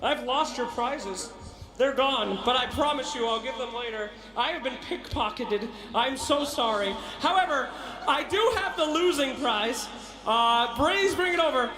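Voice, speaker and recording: Brief: male stage host, very high voice, loud showman energy, echoey hall. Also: animated, measured pace. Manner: showman, often shouting to the crowd. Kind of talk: comedic live stage hosting. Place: live event stage.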